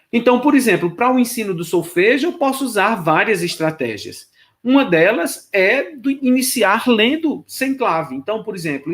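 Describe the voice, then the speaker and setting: A man with a fairly high speaking voice lectures on choral rehearsal. He explains exercises in an instructive tone and sings solfège syllables to demonstrate them. He speaks directly to the students.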